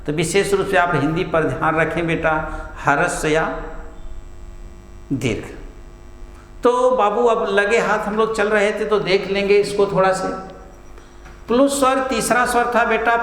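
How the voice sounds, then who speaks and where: High-pitched man teaching in an echoey room. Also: measured pace, fairly bright tone. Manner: addresses students as beta, asks and answers own questions; stretches vowels long to demonstrate. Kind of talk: classroom grammar lesson. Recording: echoey room with mains hum.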